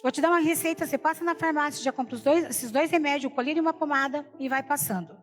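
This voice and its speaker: Brazilian woman preaching, high voice, long hall echo, soft music under. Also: fast. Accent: Brazilian Portuguese. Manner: storytelling, repeats "falei assim". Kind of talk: sermon testimony.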